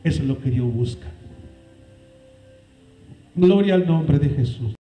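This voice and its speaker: A man preaching a sermon as pastor, with dramatic swings in pitch and loudness. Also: expressive, takes it slowly, reverberant, soft background music, rough recording. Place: church.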